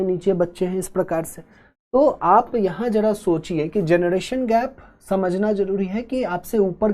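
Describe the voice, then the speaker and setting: A man teaching an exam-prep class, explaining step by step at a slow, deliberate pace and adding joking asides to his students. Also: sits high, a little mellow.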